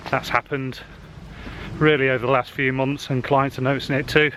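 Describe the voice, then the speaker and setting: A man's voice: mid-range voice, level tone, normal speed, fairly bright tone. Chatty man vlogging outdoors. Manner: chatty, with frequent "uh" fillers. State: slightly out of breath walking uphill. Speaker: social media marketing vlogger. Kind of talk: casual walking vlog. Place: outdoors on a wooded hill path. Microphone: handheld camera. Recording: faint outdoor noise.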